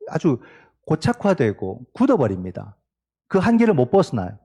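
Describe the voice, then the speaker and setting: Male pastor preaching with a lively pitch. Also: moderate pace, husky. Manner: conversational preaching with frequent rhetorical questions to the congregation; rises and falls between loud emphatic peaks and quiet low asides. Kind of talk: sermon.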